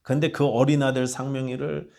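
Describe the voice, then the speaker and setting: A man's voice: mid-range voice, little pitch movement, fairly quick, creaky. A man preaching a sermon as pastor, telling a personal story and pleading with his congregation. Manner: storytelling, dropping to a hushed voice for tender quotes and rising to loud appeals.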